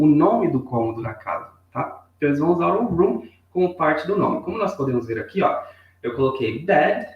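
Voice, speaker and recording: A man with a Brazilian Portuguese accent teaching an English lesson, patiently drilling pronunciation and checking in with his students after each point. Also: medium pitch. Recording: very echoey room.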